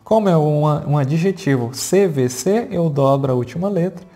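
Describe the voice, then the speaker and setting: A teacher with a Brazilian accent explains grammar at a whiteboard. They talk patiently, check in often with the class and spell out the key words slowly. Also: medium pitch, lively intonation, dark tone. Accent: Brazilian Portuguese. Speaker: English teacher.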